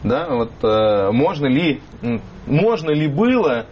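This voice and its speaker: Halting man as a studio guest. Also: mid-range voice, sing-song, highs cut off, slight background noise. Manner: halting, many hesitations and restarts. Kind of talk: talk show discussion.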